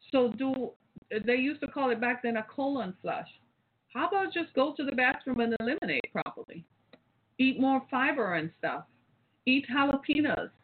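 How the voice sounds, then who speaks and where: A woman with a Caribbean accent from the British Caribbean hosts a casual solo podcast, speaking in a preachy, rhetorical way and often ending points with "right?". Her voice is a little high with a breathy edge, and the recording is narrow-band and phone-like.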